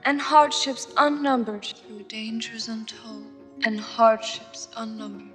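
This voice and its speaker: A dramatic teenage girl reciting heroine lines with theatrical flair. Her voice sits fairly high, with faint music underneath. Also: flat delivery, slow pace, fairly bright tone.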